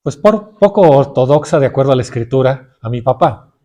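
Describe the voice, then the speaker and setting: A man's voice: medium pitch, expressive, fairly quick, dark tone. A middle-aged man with a Mexican Spanish accent preaching a sermon, often calling his listeners brothers and putting questions to them.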